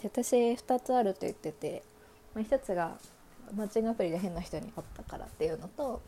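Gravelly-voiced woman telling dating stories. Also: medium pitch, lively intonation, fast, mellow, slight background noise. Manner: chatty, frank anecdotes with many fillers. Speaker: talk show host. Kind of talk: casual storytelling monologue.

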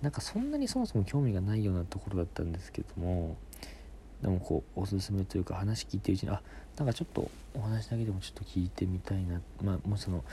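A man's voice: sits low, sing-song, fast, warm tone, slight background noise. A young man hosting a casual solo talk show, telling rambling stories and answering listener questions, often dropping into whispered asides. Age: young adult. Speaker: podcast host.

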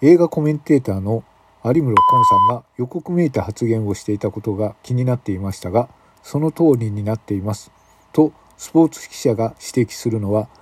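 A man's voice: medium pitch, huge pitch swings, a little fast, slight background noise. A man hosting a comic talk show, reading mock news and feigning outrage. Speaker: radio talk host.

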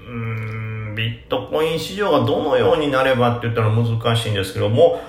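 Relaxed Kansai man on a roomy podcast. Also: mid-range voice. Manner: relaxed, self-deprecating, many fillers. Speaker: podcast host. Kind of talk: casual podcast talk answering listener questions. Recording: roomy echo.

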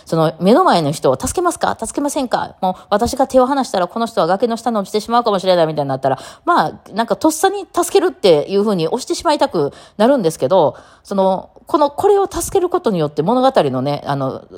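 A woman's voice: mid-range voice, very animated, quick pace, few pauses, darkish tone. A woman with a Kansai accent hosting a casual solo talk show, rambling chattily and laughing often between many fillers. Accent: Kansai Japanese. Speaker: podcast host.

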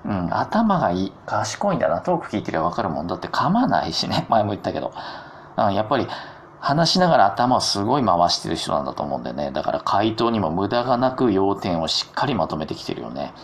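A man with a lowish voice hosts his own solo talk show in a chatty, self-mocking way. His pitch swings widely as he throws in jokey asides. The delivery stays casual and conversational. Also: very animated, fast. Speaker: podcast host.

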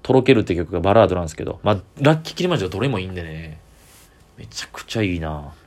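A man's voice: low-pitched, lively intonation, very fast, darkish tone. A man with a Kansai accent, chatting on his own as a comedian podcaster, rambling with easy enthusiasm. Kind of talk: solo casual chat.

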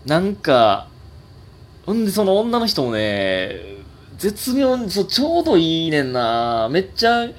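His pitch sits high and his pace is a little slow. This Kansai-accented podcast host, a man in his twenties, reads letters on his relaxed solo show, chatting and wandering with lots of fillers and bursts of excitement.

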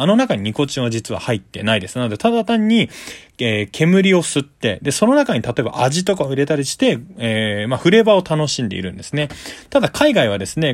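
A man's voice: medium pitch, no echo. A man giving a casual, polite explanatory monologue as a solo host, going step by step in simple terms. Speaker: solo talk show host.

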